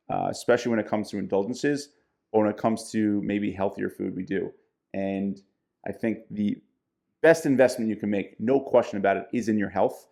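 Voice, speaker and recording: A man with a low, gravelly voice chats casually on a podcast. His tone is dark and mellow as he gives plain, practical advice on eating well. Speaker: podcast co-host, diet coach.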